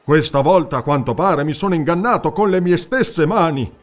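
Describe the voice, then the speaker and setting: A male audiobook narrator voicing a brash, boastful young barbarian warrior who talks boldly and defiantly, a little higher than his own voice. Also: lively intonation, normal speed, faint music behind, natural voice. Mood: rueful.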